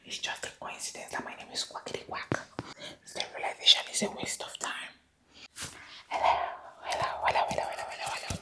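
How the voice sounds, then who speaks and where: A woman's voice: a little fast, natural voice. A woman voicing a dubious, boastful female doctor in a whispered ASMR roleplay, insisting in a sing-song way that she is a real doctor.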